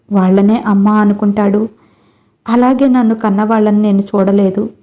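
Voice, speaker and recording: A woman's voice: mid-range voice, dark tone, lightly acted. A woman voicing a grateful young man raised in an orphanage, speaking earnestly and from the heart.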